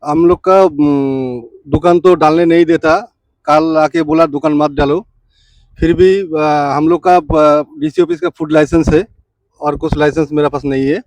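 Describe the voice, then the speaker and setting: A man with a small food stall makes earnest, pleading appeals to a reporter on the street. His voice sits slightly high. The recording is dry with no echo. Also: steady tone, moderate pace, a little mellow. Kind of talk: street interview.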